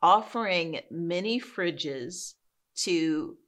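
Low-voiced woman telling her story. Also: expressive, very slow, fairly bright tone. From New York City. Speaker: guest, soap business owner. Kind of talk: casual interview.

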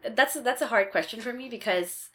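A woman in her twenties from Bangladesh, co-hosting a casual podcast in a friendly, relaxed way. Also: on the high side, normal speed. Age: 20s. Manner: friendly, relaxed, uses many fillers. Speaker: podcast co-host.

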